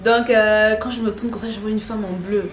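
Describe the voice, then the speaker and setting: A young woman tells her viewers a story, lively and chatty. She loops back on her own phrases and adds slangy asides. The room around her is echoey, and faint household noise runs underneath. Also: mid-range voice, normal speed. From Gabon. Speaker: online content creator. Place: home with children playing nearby.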